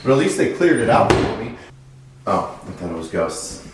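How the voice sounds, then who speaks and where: A man's voice: lowish voice, sing-song, normal speed, background noise. A man giving a casual, sarcastic and profane walkthrough of a run-down house he is renovating. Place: empty house interior. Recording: echoey bare rooms, mic at a distance.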